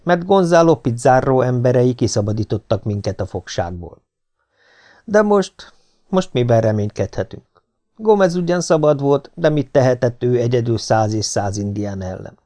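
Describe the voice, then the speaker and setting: A man narrating an adventure novel in the first person as an audiobook, in a steady, measured reading. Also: mid-range voice.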